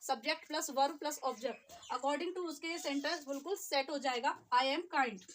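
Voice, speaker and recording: A woman teacher, explaining short sentences step by step and repeating each phrase slowly. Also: high-pitched, slight background noise. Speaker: English teacher. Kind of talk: spoken English lesson.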